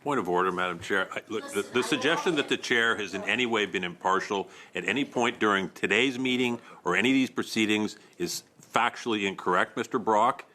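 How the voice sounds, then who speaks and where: A man's voice: on the low side, brisk, few pauses, bright, forceful tone. A man member of parliament raising a point of order, formal and defensive. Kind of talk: committee debate.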